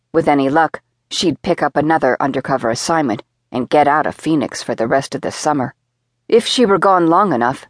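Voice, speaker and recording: A woman narrating a thriller audiobook in a steady, measured way. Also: sits low, dry recording, clean studio sound.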